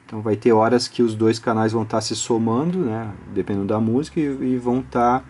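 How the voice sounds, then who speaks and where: A man with a Brazilian Portuguese accent, speaking a little fast in a medium-pitched, darkish voice with fairly even intonation. As the channel's audio electronics instructor, he leads an informal technical tutorial step by step, explaining in a chatty way and regularly finishing phrases with small tag questions.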